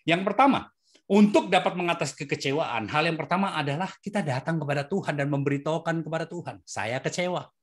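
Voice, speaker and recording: A preacher from Indonesia giving a chatty, conversational sermon, often asking the listeners "right?" as the voice rises and drops. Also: fast. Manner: swings between high and low pitch.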